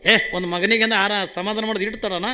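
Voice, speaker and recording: A man's voice: high-pitched, steady tone, fast, pushed and bright. A man voicing a proud, impatient emperor who scoffs and brushes problems aside. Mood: scoffing. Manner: scoffing, dismissive.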